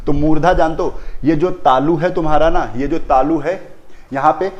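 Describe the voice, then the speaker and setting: A man's voice: fairly high pitch, steady tone, moderate pace, highs cut off. A man teaching a grammar lesson in Hindi, who repeats key terms and keeps asking the children questions. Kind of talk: classroom lesson on pronunciation.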